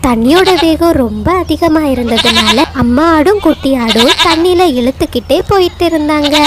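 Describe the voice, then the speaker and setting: A woman narrating a children's cartoon story in a steady storytelling manner. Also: sits high, heavy background noise.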